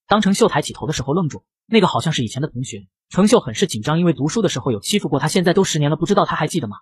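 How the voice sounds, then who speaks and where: A man narrating a comic recap in a brisk storytelling manner. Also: fairly high pitch, expressive, slightly rough, no echo.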